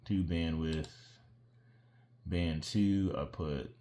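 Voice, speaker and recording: A man's voice: very deep voice, steady tone, drawn-out words, warm tone. A man casually walking through how he mixed his own song, rambling, wandering off topic and poking fun at himself. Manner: rambling, self-deprecating, digresses. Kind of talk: casual screen-share tutorial.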